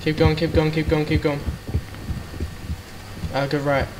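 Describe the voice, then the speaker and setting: A man's voice: on the high side, flat delivery, measured pace, a little hiss or hum, low-quality recording. A young man chatting nervously while playing a horror game with a friend, swearing and reacting jumpily. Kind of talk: casual let's-play chat. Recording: game music loud behind voice.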